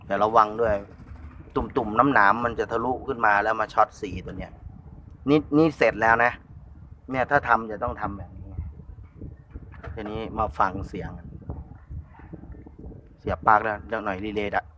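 A man's voice: lowish voice, normal speed, long pauses, sharp tone, a little hiss or hum. A man with an Isan Thai accent giving a hands-on electronics repair tutorial in a chatty, repetitive style at a workbench.

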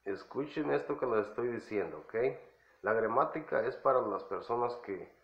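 A man teaching English phrases in a slow, explanatory lesson, repeating each phrase with frequent fillers. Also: medium pitch, animated, a bit bright. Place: in the United States. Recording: echoey room, slightly dull.

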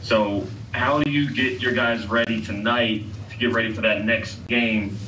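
Beat reporter, heard from afar, room echo and noise. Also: male voice, lowish voice, steady tone, unhurried, sharp tone. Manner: long detailed questions. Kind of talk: press conference question. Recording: roomy and distant, noisy.

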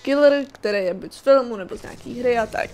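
A chatty young woman with a fairly high voice talks viewers through a game in casual let's-play commentary. Faint noise hums under her voice. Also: a little mellow. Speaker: gaming channel host.

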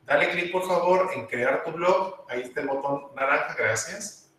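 A man's voice: on the high side, normal speed, fairly bright tone, recorded from a distance, a little hiss or hum. Male teacher, patient step-by-step delivery, very echoey room, a bit off-mic. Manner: patient, step-by-step, repeats instructions. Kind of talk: online class instruction.

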